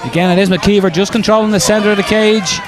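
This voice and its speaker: An Irish man giving excitable live play-by-play commentary as lead fight commentator. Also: high voice, quick pace. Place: indoor arena. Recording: live arena commentary over crowd noise.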